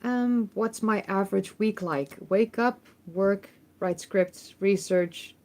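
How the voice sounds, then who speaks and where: Speaking slowly at a medium pitch, this thirty-something history YouTuber from the Netherlands has a Dutch accent and a darkish tone. She reads viewers' chat questions aloud during a relaxed livestream Q&A, chatting freely with frequent ums and false starts. She records on her phone in a makeshift room inside a family home.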